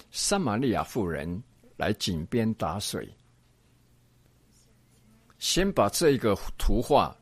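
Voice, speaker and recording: Slow, deliberate older male Bible teacher. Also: fairly low pitch, no echo. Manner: slow and deliberate, stretching words when reading passages aloud; frequent restarts and hesitations. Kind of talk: unscripted church teaching lecture.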